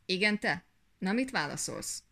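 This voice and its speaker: A woman voicing a stern, watchful dragon who speaks slowly and firmly. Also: mid-range voice, big pitch swings, vocal fry, sharp tone, heavily acted.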